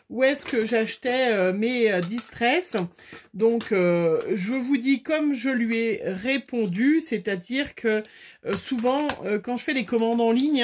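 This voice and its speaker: Woman, fairly high voice, casual craft tutorial, chatty, halting fillers. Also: a little hiss or hum. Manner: chatty, many fillers and pauses. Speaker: crafting video host.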